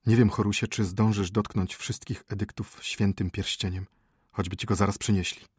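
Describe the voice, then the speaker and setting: A man voicing a grave old court physician who speaks softly and sorrowfully, close to a whisper. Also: on the low side, little pitch movement, moderate pace, slightly rough, no echo. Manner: soft, grave, near whisper.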